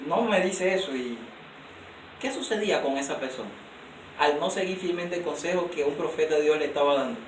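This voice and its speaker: A man's voice: a little high, a little fast. A man preaching a sermon, emphatic, often putting questions to his congregation and answering them himself. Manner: emphatic, asks the audience rhetorical questions. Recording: roomy, distant recording with faint noise.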